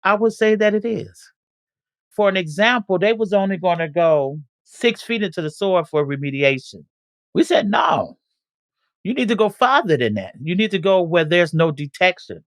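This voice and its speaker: A man with a somewhat high voice is interviewed and recounts what his community went through, plainspoken and earnest. The sound is dry, with no room echo. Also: animated, moderate pace. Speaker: community organizer.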